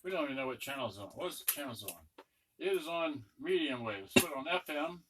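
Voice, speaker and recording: An electronics unboxing presenter gives a casual hands-on demonstration, muttering to himself as he works, over music. His mid-range voice is expressive and quick-paced. It's captured by a camera on a tripod in a noisy room full of clicks and handling sounds.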